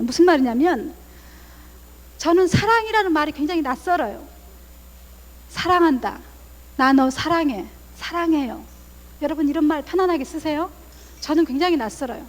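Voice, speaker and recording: A woman in her thirties, a family counselor giving a lively guest lecture to a church audience, acting out parents' words as she talks. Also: high voice, long reverb tail. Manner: animated, acts out parents' lines in quoted voices. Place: church hall.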